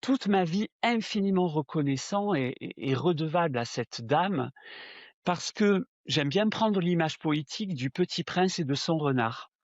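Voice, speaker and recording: A man in his sixties from the south of France, with a southern French accent, telling his story to an interviewer in a lively, chatty way full of fillers. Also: a little slow, no room sound. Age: 60s. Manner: animated, addresses the listener with "tu vois", many fillers. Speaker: medium, interview guest. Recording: dull, dry low-fidelity sound.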